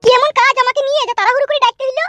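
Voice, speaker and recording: A woman's voice: very high voice, fairly even intonation, racing, pushed and bright, dry recording, pitched above the performer's own voice. A woman voicing a young wife who keeps pressing her husband with questions, in a comedy cartoon. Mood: impatient. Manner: pestering, insistent questions. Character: pushy young village wife.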